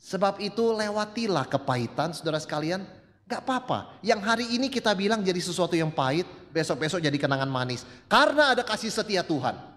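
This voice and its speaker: A male pastor preaching a sermon, telling stories and shifting between loud, high emphasis and soft, low asides as he addresses the congregation. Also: sing-song, brisk. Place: church sanctuary. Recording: long church reverb.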